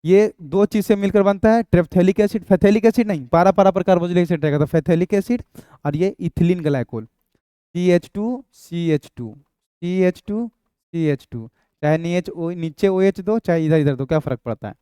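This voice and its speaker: Young man, high yet mellow, smooth voice; teasing chemistry tutor. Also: moderate pace, no room sound. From Bihar. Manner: playful, banters with imagined students, sings a snatch. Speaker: chemistry teacher. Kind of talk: exam-prep lecture.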